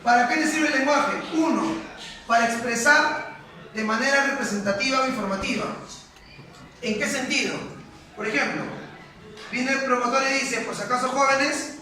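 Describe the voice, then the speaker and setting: A man's voice: very high voice, normal speed, pauses often, pushed and bright. Male teacher, lecturing and quizzing a class; distant mic in a roomy classroom. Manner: questioning, repeats points for emphasis. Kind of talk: classroom lecture with questions to students. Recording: echoey classroom from far off, students audible.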